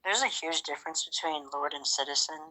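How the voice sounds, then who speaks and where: A man voicing a character in a game roleplay, talking in a halting, hesitant way full of fillers. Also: on the high side, bright, forceful tone, rough recording. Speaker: roleplay player.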